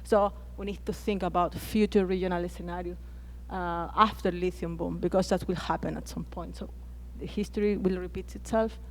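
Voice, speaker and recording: A woman from Chile with a Chilean Spanish accent, speaking English as a second language on a conference panel, pausing often and restarting her phrases. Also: on the low side, fairly even intonation, a little mellow. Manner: hesitant, frequent restarts and fillers.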